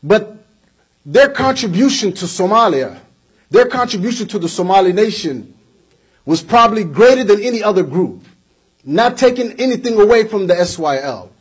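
In an indoor hall with flags behind him, a young American at a community event speaks emphatically into a podium microphone on a stand. His husky voice sits high with lively intonation at a moderate pace, and he gestures and repeats his points for effect.

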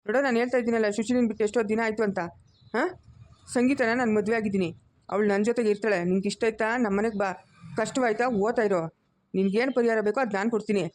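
A woman's voice: on the high side, fairly even intonation, rapid-fire, a little mellow, lightly acted. A woman, playing a defiant, threatening husband in an amateur family drama. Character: defiant two-timing husband, adult man.

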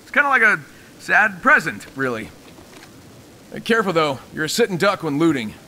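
A man's voice: fairly high pitch, sing-song, normal speed, pushed and bright, a little hiss or hum, full character voice. An actor voicing a cocky, wisecracking male squadmate who coaches a rookie through a game tutorial with teasing jokes. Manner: teasing, joking, bouncy delivery. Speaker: tutorial guide character. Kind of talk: game voice acting.

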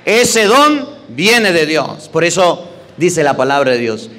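Man, priest, emphatic preaching, somewhat high voice, cathedral reverb. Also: big pitch swings, takes it slowly, sharp tone, a little hiss or hum. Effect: long church reverb. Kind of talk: homily and prayers at Mass. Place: large church. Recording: echoey church hall.

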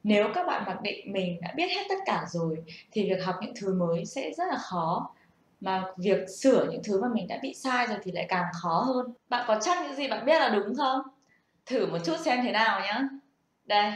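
A woman's voice: medium pitch, animated, moderate pace. A young woman gives a casual, patient spoken lesson and asks the listener rhetorical questions. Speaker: self-taught English learner sharing tips. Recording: echoey room.

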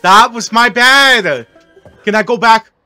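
A man's voice: very high-pitched, takes it slowly, sharp tone, smooth, dry recording, soft background music. A man doing casual, slangy gameplay commentary, talking to the characters on a close microphone. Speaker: gaming streamer.

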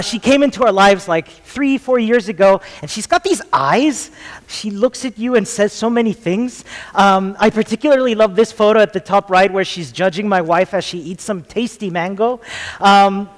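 A man's voice: sits high, moderate pace. A man from Chile in his thirties giving a jokey, chatty conference talk on stage with a headset mic, with lots of ums. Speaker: conference speaker. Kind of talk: casual tech talk. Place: large theatre stage. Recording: long hall reverb.

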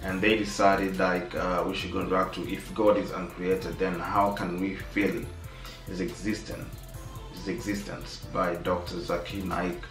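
A man's voice: deep voice, level tone, unhurried, fairly bright tone, echoey room, recorded from a distance, soft background music. A young man hosting a reaction video, casual and upbeat with slang. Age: young adult. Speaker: reaction channel host. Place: small indoor room.

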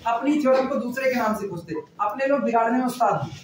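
A man's voice: extremely high pitch, animated, quick pace, noisy background. A man teaching math in a classroom, chatting and repeating phrases as he dictates notes. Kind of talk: classroom lecture. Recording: echoey room, mic far off.

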